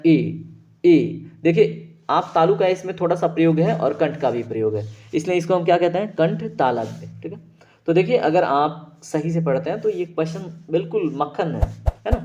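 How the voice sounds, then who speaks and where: A man's voice: on the high side, a little mellow, a little hiss or hum. A man teaching an online exam-prep lesson, explaining patiently and drawing out sounds to demonstrate them, with constant "right?" check-ins. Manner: explanatory, drawn-out vowel demonstrations, frequent "है ना" and "ठीक है" check-ins. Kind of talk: online lecture. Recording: dull lo-fi audio.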